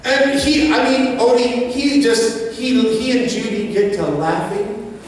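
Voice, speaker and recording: A man's voice: very high-pitched, slow. A middle-aged man preaching a sermon as pastor, mixing humor and call-and-response lines from the pulpit. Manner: humorous, joking asides between preaching. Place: church sanctuary. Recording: echoey hall from far off, noisy.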